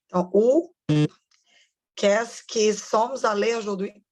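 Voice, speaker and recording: A woman's voice: medium pitch, a little mellow. A woman student in an online French class, trying phrases hesitantly. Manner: hesitant, slow, unsure attempts.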